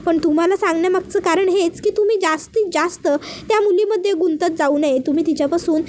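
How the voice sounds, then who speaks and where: A woman's voice: very high-pitched, fast talker, a little mellow, slight background noise. A woman voicing a young married woman, a blunt and insistent sister-in-law, in an earnest, pleading reading voice.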